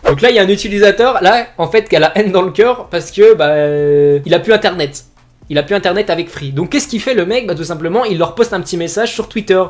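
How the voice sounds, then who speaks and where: A young man hosting a casual comedy commentary, reading tweets aloud in a slangy, animated way. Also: sits high, quick pace, faint music behind. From France. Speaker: youtuber host.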